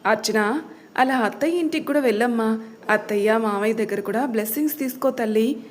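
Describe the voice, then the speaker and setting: A nagging middle-aged mother from an audio story, put on by a female narrator. She scolds loudly and fusses over the clock. The voice sits a little high. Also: a little fast, a little hiss or hum, close to an everyday voice. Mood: fond.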